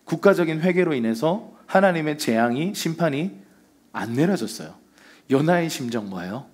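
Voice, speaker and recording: A man's voice: fairly high pitch, lively intonation, normal speed, breathy edge. A man preaching a Sunday sermon as pastor, telling the story with energy and acting out the lines he quotes.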